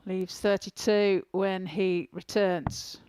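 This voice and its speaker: A man's voice: high-pitched, flat delivery, slow pace, darkish tone, clean tone, poor audio. Male play-by-play darts commentator, clipped phrases. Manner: clipped phrases following each dart.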